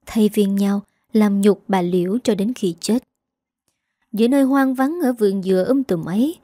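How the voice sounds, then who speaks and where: A woman narrating a dramatic scripted story in a steady storytelling manner. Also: medium pitch, dry recording, studio quality.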